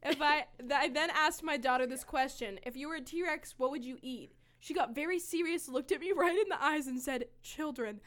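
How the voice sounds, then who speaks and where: A woman in casual chat, giggly and expressive, often laughing as she reads and reacts to stories. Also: high-pitched, moderate pace, few pauses. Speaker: co-host.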